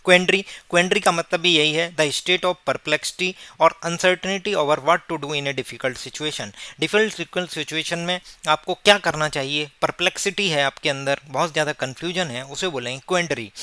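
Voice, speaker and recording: A man's voice: a little high, normal speed, pushed and bright, clear, resonant tone, no echo. A man teaching exam vocabulary, explaining word meanings step by step with English definitions mixed in.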